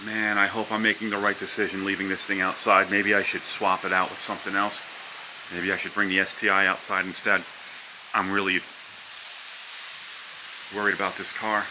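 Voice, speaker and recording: A man's voice: sits low, little pitch movement, normal speed, pauses often. A man narrating a casual vlog outdoors from under a house porch during a storm. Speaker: vlogger. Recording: wind, rain and hiss behind voice.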